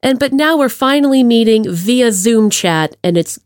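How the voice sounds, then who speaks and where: Hosting a podcast interview over a remote video call, a woman keeps the chat casual and upbeat with playful enthusiasm and slang. Her voice is on the high side and a little mellow, with lively intonation at normal speed, recorded dry at studio quality.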